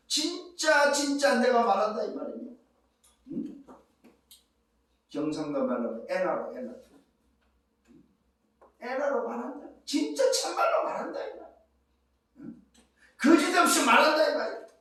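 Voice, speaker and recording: A male pastor preaching a sermon, asking rhetorical questions, repeating his points and rising to shouts at the climaxes. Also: high-pitched. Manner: rhetorical questions and emphatic repetition. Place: church sanctuary. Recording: very echoey church sanctuary, distant mic.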